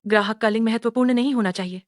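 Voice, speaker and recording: A woman's voice: fairly high pitch, rapid-fire, background noise, lightly acted. An actress playing an earnest, determined young woman doctor in a Hindi drama dub.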